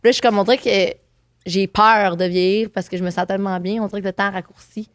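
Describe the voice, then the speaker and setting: A woman's voice: mid-range voice, fairly even intonation, quick pace. A woman in her thirties with a Québécois French accent, a podcast guest speaking reflectively with hesitant restarts. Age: 30s. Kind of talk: casual chat.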